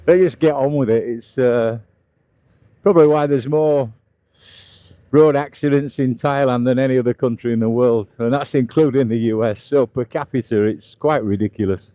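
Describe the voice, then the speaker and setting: A man's voice: medium pitch, normal speed, warm tone, dry recording. A middle-aged British man giving casual, plain-spoken running commentary as he rides a scooter outdoors. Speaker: motovlogger narrating a ride. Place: outdoors, riding a scooter on roads.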